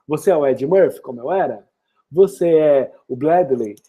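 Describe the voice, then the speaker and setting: A man with a Brazilian Portuguese accent teaching an online English lesson. He is energetic and encouraging and keeps asking rhetorical questions. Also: on the high side, moderate pace, breathy edge.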